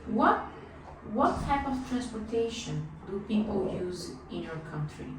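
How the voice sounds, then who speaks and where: A woman acting as an English speaking examiner in a mock test, asking short, clearly paced questions. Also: mid-range voice, animated, unhurried. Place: classroom. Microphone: distant room microphone. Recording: echoey room far from the mic, clear background noise.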